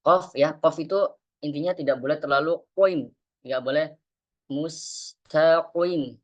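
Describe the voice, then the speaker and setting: A man teaching Quran recitation in an online class, explaining patiently and chanting verses slowly. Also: fairly high pitch, muffled recording.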